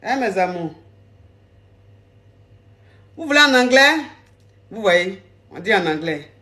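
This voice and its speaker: A woman's voice: medium pitch, very animated, slow, pushed and bright. A woman hosting a live call-in advice stream, playful and repeating her phrases.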